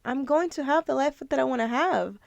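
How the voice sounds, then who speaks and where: A woman's voice: high-pitched, lively intonation, fairly quick, vocal fry, no room sound, muffled recording. A young woman hosting her own podcast, talking in an earnest, emotional, motivational way, close to tears at times. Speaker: podcast host. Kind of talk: casual motivational talk.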